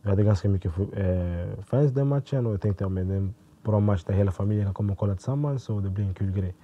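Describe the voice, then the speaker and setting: A man's voice: on the low side, highs cut off. A young man, a podcast guest, telling a personal story in a casual interview and acting out his own thoughts as he goes.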